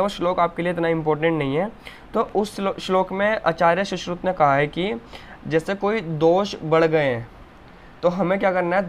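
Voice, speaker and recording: Young male tutor, slightly high voice, patient step-by-step whiteboard lecture. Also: a little hiss or hum. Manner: explains step by step, often checks with "ठीक है". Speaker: Ayurveda teacher.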